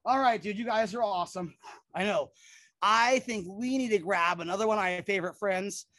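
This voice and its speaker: A woman's voice: medium pitch, normal speed, fairly bright tone, no echo. A middle-aged woman presenting animals outdoors in a yard, talking casually and enthusiastically with surfer-like slang for an educational reptile show.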